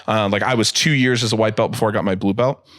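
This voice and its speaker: A man hosting a podcast in casual chat, rambling with many fillers and quick laughs. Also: on the low side, steady tone, a bit bright, no room sound, studio quality. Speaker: podcast host.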